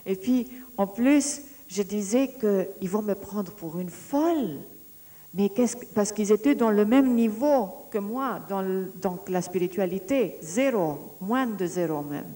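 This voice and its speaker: A woman tells her own story as a personal testimony, bringing it to life and acting out the exchanges she recounts. Her voice is mellow and warm at a middle pitch. She often pauses to search for words and restarts her sentences. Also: lively intonation. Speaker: speaker giving a personal testimony.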